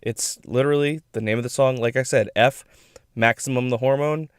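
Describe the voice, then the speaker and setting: Smooth-voiced man chatting on a podcast. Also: medium pitch, steady tone, fairly quick, no room sound, studio quality. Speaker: podcast guest. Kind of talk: casual fan podcast chat.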